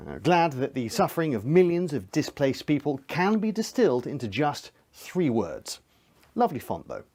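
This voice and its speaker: A man playing a smug government minister who describes his own briefing in clipped, deadpan stage-direction phrases. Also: on the high side, moderate pace, slightly rough, full character voice.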